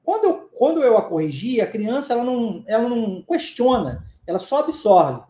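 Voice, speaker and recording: A man's voice: very high voice, big pitch swings, normal speed, warm tone, reverberant. A man with a Brazilian Portuguese accent teaching an English lesson, explaining emphatically and often checking in with the listener. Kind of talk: online language lesson.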